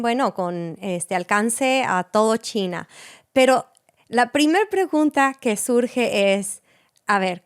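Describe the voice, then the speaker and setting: A woman hosting an interview, encouraging and warm. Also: fairly high pitch, clear, resonant tone. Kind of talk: interview host.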